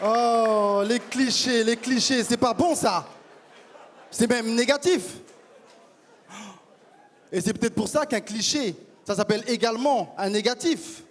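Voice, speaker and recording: A man from Africa performing a stand-up comedy set at a live forum, with punchy, animated delivery and stammered restarts. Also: extremely high pitch, a little slow, long pauses, a little hiss or hum. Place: live stage at a peace forum. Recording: live hall with reverb and crowd.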